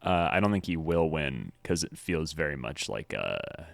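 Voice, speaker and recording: A man's voice: rumbling low, sing-song, normal speed, vocal fry, no room sound. A young man co-hosting a sports podcast in casual chat, with dry, wry humor. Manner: dry, wry jokes with frequent laughs. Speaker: podcast co-host.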